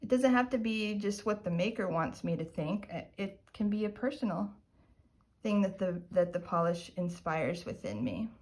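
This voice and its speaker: A woman chatting in a casual haul video, gushing and self-describedly dorky, sometimes dropping to soft murmurs while showing polishes. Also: mid-range voice, animated, normal speed. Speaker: nail polish vlogger.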